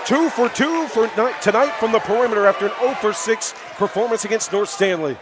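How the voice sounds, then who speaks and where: A high-pitched man speaking a little fast handles radio play-by-play for a high school basketball game. He's openly on the home team's side and exclaims when big plays happen, while the gym echoes with a loud crowd and dribbling balls.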